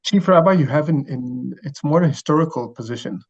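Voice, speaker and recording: This muffled clip features a man in his forties with an Israeli accent, a chief rabbi answering interview questions informally. His voice is a bit high and a little mellow, and he talks fairly quickly while explaining, often hesitating as he searches for words.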